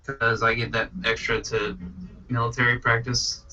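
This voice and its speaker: A man's voice: medium pitch, monotone, normal speed, sharp tone, recorded from a distance, highs cut off. A man playing a tabletop game, speaking hesitantly and trailing off. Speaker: player. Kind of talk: casual tabletop play.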